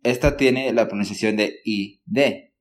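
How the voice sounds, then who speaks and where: A fairly low-voiced English teacher gives a language lesson, explaining patiently and checking in with listeners often. He says example words slowly so learners can copy them.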